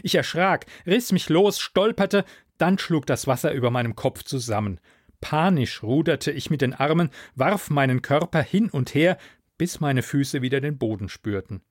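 A man narrating a story in the first person, in a measured, deliberate way. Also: on the high side, lively intonation, no room sound, clean studio sound. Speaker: audiobook narrator.

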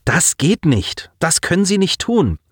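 A man's voice: sits high, sing-song, unhurried, husky, no room sound, clean studio sound, voice pushed up, full character voice. A man voicing an indignant male starship commander. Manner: firm, objecting and reproachful.

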